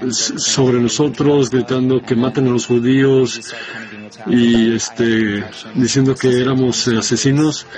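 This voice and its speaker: A man giving a spoken testimony in a halting, hesitant way, breaking off and restarting his sentences. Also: medium pitch. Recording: dull lo-fi sound.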